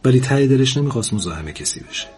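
A man calmly reading a story aloud in a measured, soft-spoken way. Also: mid-range voice, faint music behind. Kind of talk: scripted story narration.

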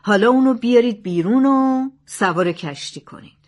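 A woman's voice: on the high side, animated, a little mellow, lightly acted. A woman reading a composed, wise scholar. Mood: commanding. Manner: composed, explaining.

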